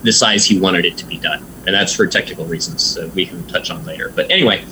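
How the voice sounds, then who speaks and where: Laid-back tattoo artist, low voice. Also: male voice, quick pace, bright, forceful tone, a little hiss or hum, poor audio. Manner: laid-back, swears freely, rambling with many ums. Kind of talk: casual storytelling interview.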